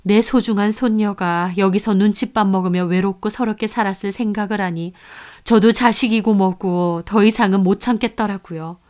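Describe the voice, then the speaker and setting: A woman narrating a first-person family story in a calm, confessional storytelling manner. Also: mid-range voice, moderate pace.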